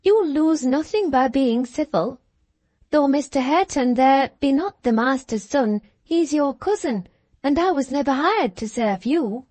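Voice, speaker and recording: A woman voicing a plain-spoken woman servant who scolds calmly and firmly. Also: high-pitched, a little slow, no echo, voice pushed up. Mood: reproving. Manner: calm, reproving.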